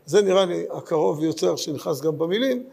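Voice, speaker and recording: A man leads a Midrash study lesson, working his ideas out aloud in short phrases that often trail off and restart. His voice sits high with a gravelly edge to it. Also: lively intonation, darkish tone. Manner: thoughtful, searching for words, speaks in short phrases. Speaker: Torah teacher.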